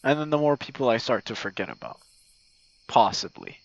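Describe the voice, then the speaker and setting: Over a backdrop of crickets and night insect noise, a content creator records a rambling, hesitant ASMR-style voice message to a friend. His mid-range voice is sing-song and a little fast. The audio is dull.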